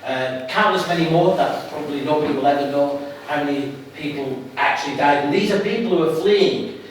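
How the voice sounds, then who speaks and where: A middle-aged guest speaker from Lancashire, England, gives a public talk to an audience at an evening event in a hall. His voice sits on the high side, and his manner is earnest yet halting, with frequent restarts of his phrases. He sounds distant in the very echoey room, over a faint hiss.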